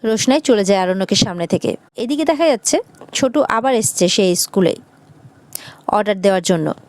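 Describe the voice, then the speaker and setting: A woman's voice: medium pitch, lively intonation, fairly quick, a little mellow. Woman retelling a TV serial episode. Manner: retells scenes, voicing every character. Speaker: serial recap narrator. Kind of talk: casual storytelling recap.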